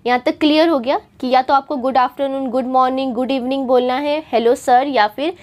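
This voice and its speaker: Giving a spoken English lesson, an Indian woman with a high yet darkish, steady voice goes over her points again and again for her students with patience. Her English example phrases come out drawn-out, slow, and careful.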